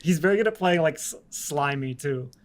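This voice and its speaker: Man, young adult, co-host, agreeable, laughs easily, fairly high pitch. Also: normal speed. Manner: agreeable, laughs often, frequent backchannel. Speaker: podcast co-host. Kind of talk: casual film discussion.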